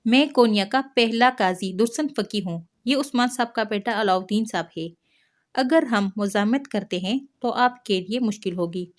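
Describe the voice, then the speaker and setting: A woman's voice: medium pitch, lightly acted. A woman reading as a stern old-world judge. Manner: warning, authoritative. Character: stern male judge, grown man.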